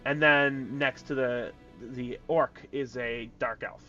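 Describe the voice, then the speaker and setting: A man narrating a tabletop game as game master, casual and halting with fillers. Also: medium pitch, steady tone, pushed and bright, dull audio, faint music behind.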